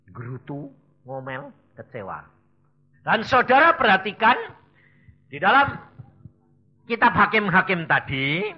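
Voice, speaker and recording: A man, preaching a sermon as an evangelist, swinging between loud emphasis and low asides and questioning the congregation. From Indonesia. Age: 70s. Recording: dull lo-fi recording.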